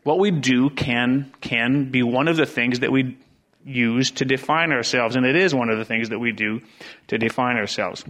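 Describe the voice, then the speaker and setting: In a church sanctuary, a middle-aged pastor from Wisconsin, USA, preaches a Sunday sermon in a conversational, rambling style full of restarts. His medium-pitched voice is fairly bright, and he speaks at a moderate pace.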